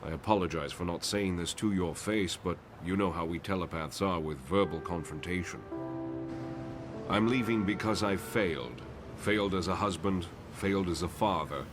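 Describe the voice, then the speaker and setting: An actor playing an older, guilt-ridden professor in a motion comic, speaking in a grave, measured, eloquent way. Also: male voice, sits low, close to an everyday voice. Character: weary, guilt-ridden older male professor and mutant mentor.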